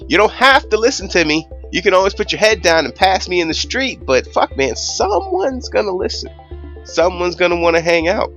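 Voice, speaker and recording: A man's voice: on the high side, a bit bright, muffled recording. A young man hosting his own channel, ranting casually with rambling, swear-filled emphasis. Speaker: YouTube channel host.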